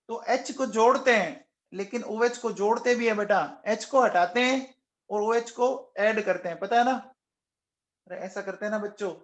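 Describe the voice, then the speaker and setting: A man's voice: very high voice, roomy sound. A man teaching a chemistry class online, coaxing and quizzing his students again and again and raising his voice to get answers. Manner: raises voice, says he is shouting nonstop. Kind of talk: live online class lecture.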